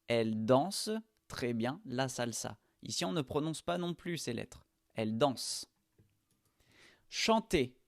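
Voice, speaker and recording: Male language teacher, unhurried and precise, recorded dry and close. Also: mid-range voice, dry recording. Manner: slow, carefully articulated model sentences. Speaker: French teacher. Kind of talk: pronunciation lesson.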